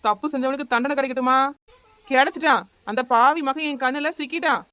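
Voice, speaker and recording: A woman's voice: high-pitched, brisk, bright, forceful tone. A woman voicing a smug, scheming male fake astrologer in a cartoon, talking in a glib, rambling, mock-solemn way with a Kanyakumari Tamil accent.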